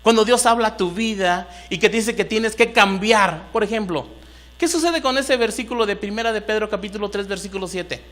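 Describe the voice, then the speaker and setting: Mexican pastor preaching, high bright voice, keeps quizzing the crowd, some hum behind. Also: male voice, a little fast. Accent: Mexican Spanish. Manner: preaching with rising emphatic bursts and questions to the congregation. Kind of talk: sermon. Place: church hall.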